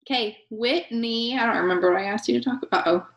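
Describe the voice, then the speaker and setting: A woman's voice: fairly high pitch, quick pace, a bit bright, highs cut off. A woman hosting a group video call, enthusiastic and rambling as she explains a game. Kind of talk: casual group call talk.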